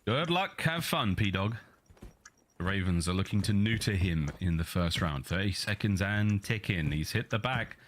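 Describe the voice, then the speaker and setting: A man calling live esports play-by-play in quick, punchy bursts. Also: sits low, slight background noise.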